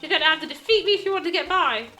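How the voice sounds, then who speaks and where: A bossy old battleaxe of a guard in a courtroom video game, as a woman plays her. She scolds and rants loudly in a raised, shrill voice, quick to take offense. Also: lively intonation, soft background music, full character voice. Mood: scolding. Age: older. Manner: loud, shrill, scolding rant. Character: cranky, lovestruck old female security guard.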